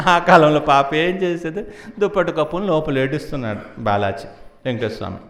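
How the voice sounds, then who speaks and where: A man's voice: on the high side, moderate pace, a bit bright, roomy sound. A man preaching a devotional story in a playful way, laughing often and acting out the characters.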